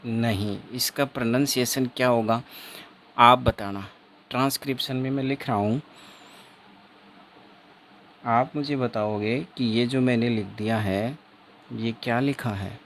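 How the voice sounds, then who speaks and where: A man teaching phonetics for an exam, slowly repeating each word and quizzing his viewers. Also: mid-range voice, steady tone, fairly bright tone, a little hiss or hum. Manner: slow, repeats words over and over, quizzes the viewer. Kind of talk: exam-prep phonetics lesson.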